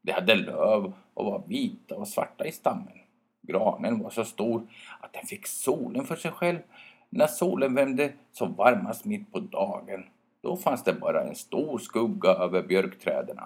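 A man with a low, gravelly, somewhat husky voice reads a children's fairy tale aloud. His delivery is expressive, rising and falling a lot, with the odd small hesitation along the way. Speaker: storyteller. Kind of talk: children's story reading.

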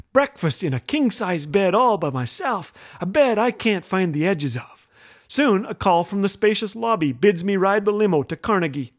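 A man from Canada hosting a radio show, telling humorous stories in a gentle, wry way. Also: sits high. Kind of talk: humorous scripted storytelling. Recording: faint music underneath.

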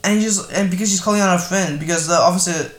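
A man, co-hosting a casual film review podcast, animated and sarcastic, acting out quotes. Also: sits high, fast talker. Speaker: podcast co-host. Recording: echoey room with faint noise.

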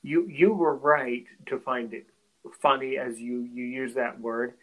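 Speaking with a steady tone at a medium pitch, a podcast host from North America conducts a conversational interview, stumbling and repeating words before completing his ideas. He is a native English speaker who also speaks French as a second language, heard on a low-quality recording.

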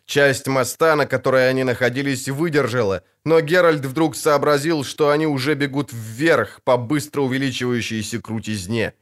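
A man narrating a dramatic fantasy audiobook in a steady, vivid storytelling voice. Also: mid-range voice, normal speed, hardly any pauses.

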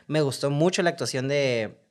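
A man with a Mexican Spanish accent chatting about movies on a podcast, crude and joking, telling his stories in an animated way. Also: mid-range voice, normal speed, smooth. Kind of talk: casual film discussion.

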